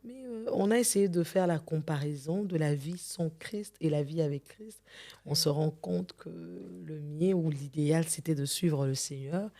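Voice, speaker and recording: A middle-aged gospel singer from the Democratic Republic of the Congo speaks in a low, mellow voice as an interview guest. Her testimony is earnest and measured, and she sometimes repeats words while searching for them.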